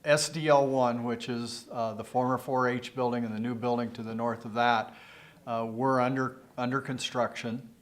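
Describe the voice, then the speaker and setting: A man giving a halting, unscripted interview answer as a project director. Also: mid-range voice, fairly even intonation. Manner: halting, hesitant.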